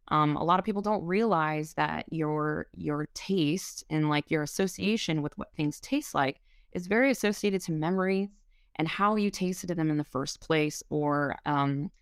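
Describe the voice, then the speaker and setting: A woman's voice: low-pitched, clear, resonant tone, dry recording, clean studio sound. A woman who is a restaurant wine director, answering an interview question in a rambling way with many fillers and restarts.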